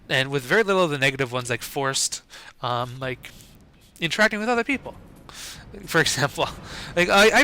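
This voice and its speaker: Young male game commentator: bright, forceful tone, slightly high voice, rambling casual delivery full of fillers. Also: slight background noise. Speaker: gameplay commentator.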